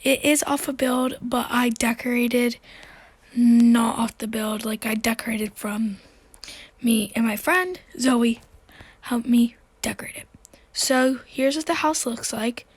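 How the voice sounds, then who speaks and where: A woman's voice: fairly high pitch, slow, dry recording. A young woman with a slightly cracky voice, giving a casual, hesitant, rambling commentary as she hosts a game tour. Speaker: video host.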